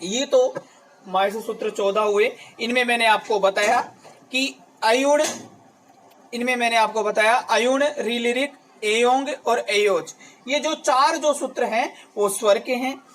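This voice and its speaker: A man's voice: very high voice, a little slow, fairly bright tone, low-quality recording. A man teaching an exam-prep grammar lesson, addressing his students directly and repeating key terms to drill them. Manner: addresses students directly and asks then answers questions.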